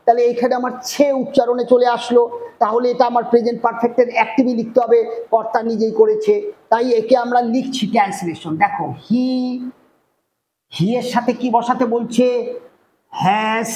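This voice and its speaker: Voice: mid-range voice, fairly even intonation, moderate pace, darkish tone. A teacher giving a classroom grammar lesson, explaining step by step and often checking that the class understands. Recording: echoey room with faint noise.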